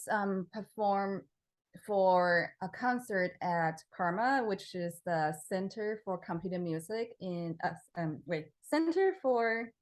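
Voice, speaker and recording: Speaking in a low-pitched voice, a young composer from Taiwan fields interview questions. She's relaxed but hesitant, laughing often and using many fillers and restarts.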